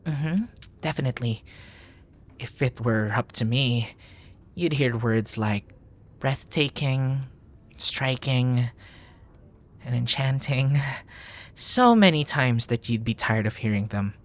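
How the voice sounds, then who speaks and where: Taking it slowly in a natural, mid-range voice, a man portrays a bashful young bookworm in an intimate ASMR boyfriend scenario, sounding smitten and tender. He speaks softly and breathily in flowery, formal language, hesitating in a flustered way and often nearly whispering.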